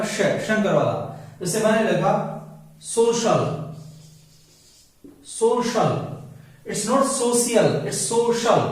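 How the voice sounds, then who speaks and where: A man's voice: high-pitched, distant mic. A man teaching an English pronunciation lesson, who repeats each word and asks the class questions. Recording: roomy, from off-mic.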